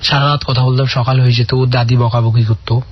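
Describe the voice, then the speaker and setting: A man's voice: medium pitch, little pitch movement, brisk, husky. A man calling in to a radio show, earnestly telling a long personal story full of quoted dialogue. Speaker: caller. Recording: dull lo-fi radio audio.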